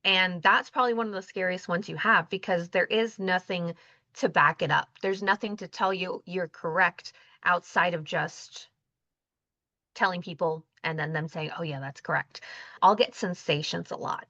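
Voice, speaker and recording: A woman with a bright, forward voice tells stories animatedly in a casual interview and acts out the dialogue. The sound is dry and a little dull, like a lo-fi recording. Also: on the low side, moderate pace, no echo. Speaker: guest, intuitive energy healer.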